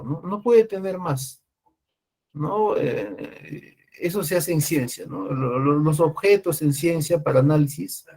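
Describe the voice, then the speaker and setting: A man giving a classroom lecture in a slightly high voice. He talks through his points patiently, often pausing to check that the class is following, and he restarts words as he goes. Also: vocal fry, a little mellow. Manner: explains with frequent "¿no?" and "¿ya?" checks, restarts. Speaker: teacher.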